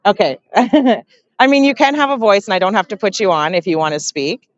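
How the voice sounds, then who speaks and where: A woman's voice: medium pitch, a little fast, lo-fi sound. A woman hosting a casual live stream from an outdoor protest, chatting with lots of fillers and laughs. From Canada. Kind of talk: casual street interviewing.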